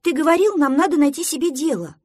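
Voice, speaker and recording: Storybook duckling, small and cheerful, exclaiming everything in a high husky voice, read by a woman. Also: very animated, normal speed, no echo, studio quality, exaggerated voice. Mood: indignant. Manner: loud, eager, exclaiming. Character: excitable little duckling, cheerful and bossy.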